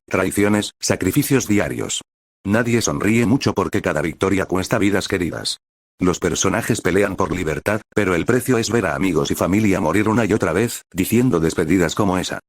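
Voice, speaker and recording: Low husky male narrator. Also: dry recording. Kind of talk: scripted narration reading stage directions aloud.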